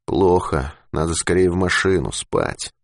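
A man's voice: low-pitched, sing-song, measured pace, vocal fry, no echo, clean studio sound, exaggerated voice. Man doing a drowsy, exhausted explorer. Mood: weary. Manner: sluggish, weary.

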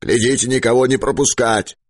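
A man's voice: medium pitch, fairly even intonation, fairly quick, no echo, studio quality, pitched above the performer's own voice, natural voice. A man voicing a curt, stern base chief. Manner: curt, commanding. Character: stern middle-aged male space base chief.

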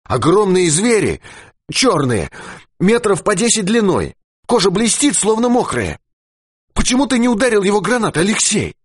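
A man voicing an excitable, feverish adult male geologist in an audiobook who rambles and shouts. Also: medium pitch, normal speed, slightly rough, dry recording, voice pushed up. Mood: feverish rambling.

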